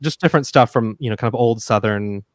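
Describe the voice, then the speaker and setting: A man's voice: medium pitch, fast, a little hiss or hum. A man hosting a live stream party, telling stories and reading sponsor ads with playful energy. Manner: animated storyteller, reads sponsor ads playfully. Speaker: host.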